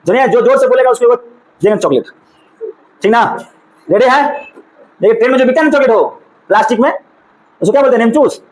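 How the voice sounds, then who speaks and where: A male teacher running a classroom drill, briskly prompting students and urging them to answer louder. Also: very high-pitched, poor audio. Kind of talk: classroom drill, call-and-response.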